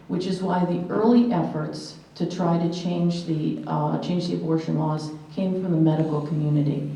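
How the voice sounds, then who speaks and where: A woman's voice: low-pitched, gravelly, mellow, far from the mic. A woman in her sixties giving an earnest conference talk full of personal anecdotes. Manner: earnest, anecdotal, with acted quotations. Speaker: conference speaker. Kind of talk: lecture to a live audience. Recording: echoey hall, mic from afar.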